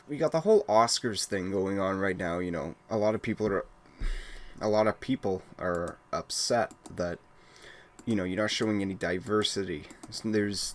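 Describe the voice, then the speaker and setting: Speaking at a normal speed in a deep voice, a young gaming channel host from Wales delivers a casual, ranting monologue from home. He sounds blunt and fed up, often starting sentences over, with slight background noise.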